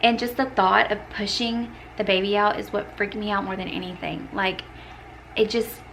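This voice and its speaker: A woman's voice: medium pitch, fairly even intonation, normal speed, vocal fry, a bit bright, a little hiss or hum, poor audio. A young woman, casually telling a personal story, full of "like" fillers and acted-out quotes. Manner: chatty, many "like" fillers, acts out quoted lines. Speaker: vlogger.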